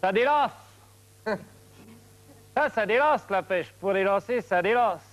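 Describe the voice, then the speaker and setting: A man's voice: high-pitched, lively intonation, unhurried, slight background noise. An actor playing a dim, muddled fisherman who rambles in repeated phrases in a TV comedy sketch.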